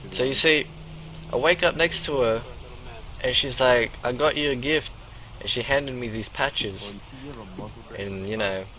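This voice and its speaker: A man's voice: mid-range voice, sharp tone, close to an everyday voice. A man doing a brash swaggering pimp. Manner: swaggering, profane, rambling storyteller. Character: boastful swaggering male pimp character. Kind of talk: in-character game role-play monologue.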